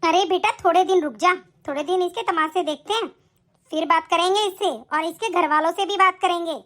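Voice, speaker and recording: A woman voicing a harsh, bossy middle-aged mother-in-law who taunts and scolds in an animated story. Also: very high voice, fairly quick, voice pushed down. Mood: scornful.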